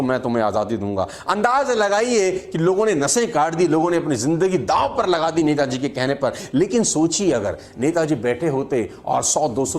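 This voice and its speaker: A man giving a motivational talk on communication to his viewers, acting out quotes with big swings in his voice. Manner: animated, acts out quotes with big pitch swings. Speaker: motivational speaker.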